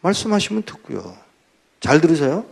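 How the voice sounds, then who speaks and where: An older male pastor giving a testimony sermon, telling his story in an animated way and acting out the dialogue. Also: a little high, fairly quick, creaky, breathy edge.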